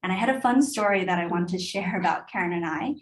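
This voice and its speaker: Lively woman telling a story, echoey. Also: fairly low pitch, fast. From born in China, raised in New York. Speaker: company strategy lead. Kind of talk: panel interview storytelling. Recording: echoey room.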